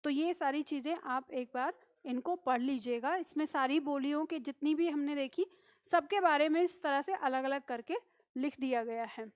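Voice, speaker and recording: High-voiced woman teaching a class. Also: normal speed, dry recording, clean studio sound. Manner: explanatory, repeats key points with "ठीक है?". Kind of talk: classroom lecture.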